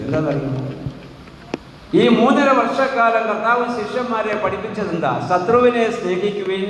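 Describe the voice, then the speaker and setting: A priest preaches in a fairly high voice, firing questions at his listeners and pressing them for answers. His voice rings through a large, very echoey church hall with a long reverb tail. Faint background noise sits under the speech. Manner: rhetorical, asks congregation questions. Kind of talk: sermon.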